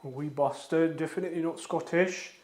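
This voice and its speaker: In an echoey home kitchen with some faint noise, a Danish livestreamer cooks while chatting casually, wandering from topic to topic and occasionally swearing. His pitch is fairly high and his pace normal.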